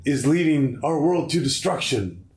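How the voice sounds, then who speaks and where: A man's voice: a little high, animated, moderate pace, a little mellow, reverberant, pitched above the performer's own voice. A man voicing a dying young man, reading game dialogue aloud in a dramatic, gasping way. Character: dying young man warning his sister.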